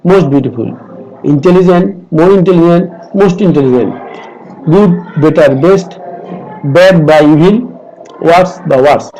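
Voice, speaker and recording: A middle-aged man with a Bengali accent, teaching an online grammar lesson and slowly repeating lists of words. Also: sits high, mellow, poor audio. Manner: slow, deliberate, repeats word lists. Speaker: English teacher.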